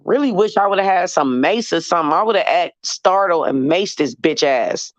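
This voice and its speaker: A woman in casual live-stream storytelling, talking to her chat in a profane, animated, mocking way. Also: on the low side, moderate pace, no room sound, muffled recording.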